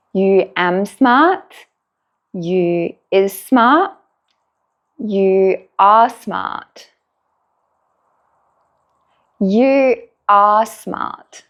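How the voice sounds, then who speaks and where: A woman teaching a beginner English lesson, drilling simple sentences slowly and clearly with long pauses. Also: mid-range voice, dull audio.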